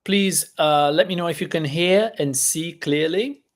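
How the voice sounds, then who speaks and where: A native Italian-speaking man runs a relaxed live-stream lesson, his voice sitting on the high side. He chats in a halting way, full of fillers.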